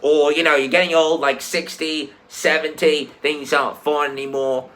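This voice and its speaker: A speaker in their twenties delivering an angry, profane comedic monologue, emphatic and repetitive, swinging between subdued talk and shouted outbursts. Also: mid-range voice, flat delivery, moderate pace. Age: 20s. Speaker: ranting vlogger.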